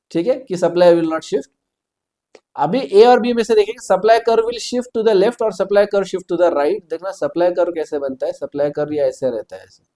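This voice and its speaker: A man's voice: high voice, dark tone. A man teaching an exam-prep lecture, mixing Hindi and English, explaining step by step and checking in with students often. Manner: mixes Hindi with English terms, reads questions slowly.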